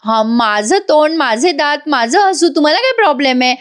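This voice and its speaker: A woman's voice: high voice, animated, pitched above the performer's own voice. A woman playing a sassy, defiant young wife. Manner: sassy, retorts quickly. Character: sharp-tongued young wife, teasing and defiant.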